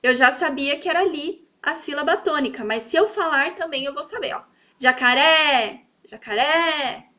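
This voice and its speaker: A woman teacher with a high, bright voice, explaining to young pupils. She draws example words out slowly and keeps checking that the class follows. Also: expressive. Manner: sweet, coaxing, checks in often. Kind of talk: children's grammar lesson.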